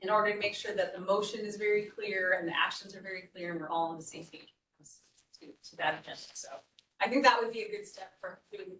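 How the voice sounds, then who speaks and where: A woman's voice: mid-range voice, fast talker, fairly bright tone, a little hiss or hum. A woman city staff presenter giving a board training, talking conversationally and explaining with frequent restarts. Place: meeting room. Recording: echoey meeting room, distant mic.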